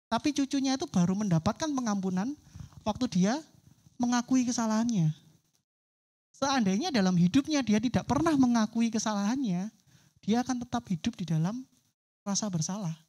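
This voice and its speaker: A woman's voice: fairly high pitch, lively intonation, moderate pace, long pauses, warm tone. Woman preacher at a church service, vivid storyteller who acts out her characters' voices. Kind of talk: sermon storytelling.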